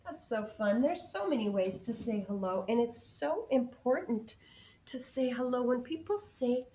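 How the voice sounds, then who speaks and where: Animated preschool teacher woman, singsong. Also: on the high side, moderate pace, slight background noise, poor audio. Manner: animated and playful, with whispered and sung parts. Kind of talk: singing and talking to young children.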